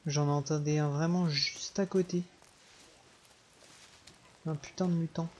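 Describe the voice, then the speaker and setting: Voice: mid-range voice, fairly even intonation, a little slow, darkish tone, dull audio, slight background noise. A let's player giving casual, informal gameplay commentary, thinking aloud with some mild swearing. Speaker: video game let's player.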